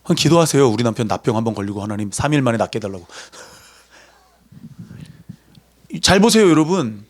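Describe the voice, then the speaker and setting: Lively Korean man preaching. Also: medium pitch, very fast. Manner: lively, conversational preaching that acts out voices. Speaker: pastor. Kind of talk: sermon.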